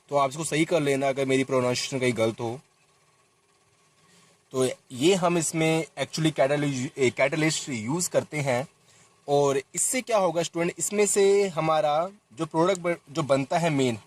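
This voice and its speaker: A young man teaching a chemistry lesson, talking straight to his students and stopping to correct himself as he writes formulas. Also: on the high side. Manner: addresses students directly, repeats and self-corrects while writing. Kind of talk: chalk-talk lesson explaining a reaction.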